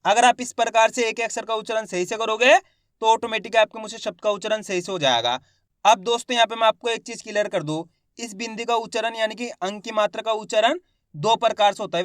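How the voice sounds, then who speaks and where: High-voiced man teaching Hindi reading. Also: fairly bright tone, dry recording, clean studio sound. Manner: drills syllables aloud slowly, asks and answers his own questions; addresses viewers as friends, plain conversational teaching. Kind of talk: step-by-step classroom lesson.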